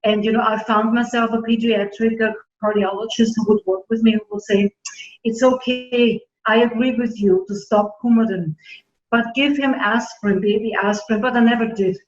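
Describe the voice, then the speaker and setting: A middle-aged woman from Germany, raised in Austria, telling her story in an interview, earnest and halting with many fillers. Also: a little high, steady tone. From born in Germany, grew up in Austria. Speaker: naturopathic doctor, guest. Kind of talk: casual interview talk. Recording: dull roomy audio.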